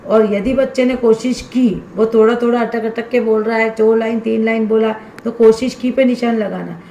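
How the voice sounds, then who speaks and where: A woman's voice: fairly high pitch, steady tone, normal speed, creaky, dark tone, echoey room, slight background noise. A woman primary school teacher explaining step by step how to fill in a student assessment workbook for fellow teachers. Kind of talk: instructional walkthrough for teachers.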